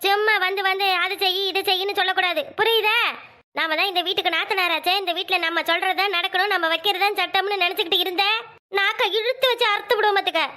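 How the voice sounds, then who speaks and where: A woman's voice: extremely high pitch, steady tone, quick pace, sharp tone. A woman voicing a bossy, scolding mother in a village cartoon comedy, nagging sharply.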